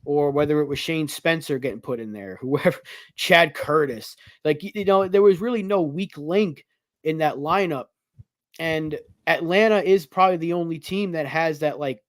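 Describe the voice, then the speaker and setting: A man with a slightly high voice co-hosting a sports podcast, chatting loosely with plenty of fillers. The sound is dry and close, with no room echo. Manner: conversational, lots of fillers like "like". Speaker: podcast co-host. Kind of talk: casual sports talk.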